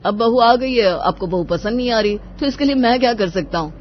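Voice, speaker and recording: A woman voicing a calm, sensible young adult son in a cartoon. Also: on the high side, a little fast, a little hiss or hum, pitched above the performer's own voice, close to an everyday voice. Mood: reasoning. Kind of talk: cartoon voice acting. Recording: dull lo-fi voice-over.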